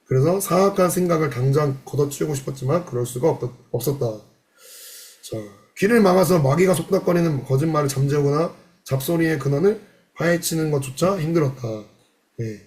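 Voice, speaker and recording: Male pastor, sermon, reads aloud and asks rhetorical questions, a touch high in pitch, church. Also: brisk, a little mellow. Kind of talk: sermon on a devotional classic.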